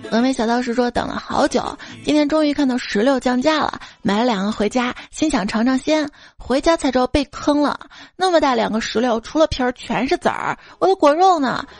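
A woman's voice: high voice, fairly quick, no room sound, soft background music. A woman radio show host reading out listener jokes, playful and acting out the quoted voices.

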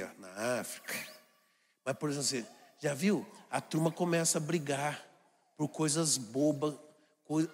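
A man preaching a homily as a priest, animated and lively, often slipping into put-on voices for family scenes. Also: medium pitch, big-room sound.

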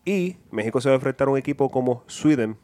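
A man, measured and a bit hesitant, analyzing football with co-hosts. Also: mid-range voice, lively intonation, dark tone. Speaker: podcast co-host. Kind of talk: casual sports talk.

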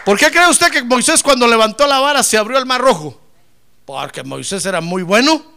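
A man preaching a lively sermon as pastor, acting out little dialogues and swinging from loud to soft. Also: very high voice, moderate pace, gravelly, clear, resonant tone.

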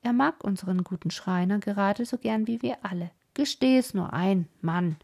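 A woman's voice: mid-range voice, normal speed, creaky, husky. A woman reading aloud, voicing a cheerful mother who teases her husband in an old storybook. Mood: teasing. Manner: lively, teasing. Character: cheerful teasing mother of the house.

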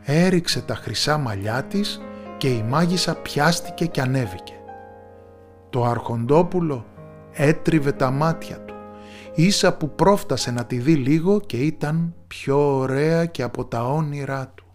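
A man narrating a fairy tale in a measured storyteller's manner, dropping low and soft in the quiet moments. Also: soft background music.

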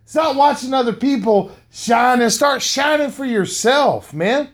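Here a middle-aged podcast host, a motivational speaker, talks at a measured pace in a very high, animated voice. His monologue is slangy, with lines repeated for emphasis and frequent use of "man" toward the listener.

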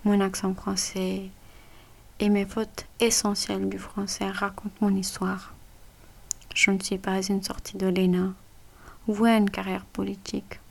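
A woman from Pakistan whose first language is Punjabi, reading a personal essay aloud in measured, deliberate phrases, with a Pakistani accent. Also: mid-range voice, monotone, gravelly.

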